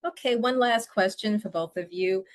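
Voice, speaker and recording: A woman's voice: medium pitch, normal speed, no room sound. A woman hosting an interview, friendly and asking questions with a few fillers. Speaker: interview host.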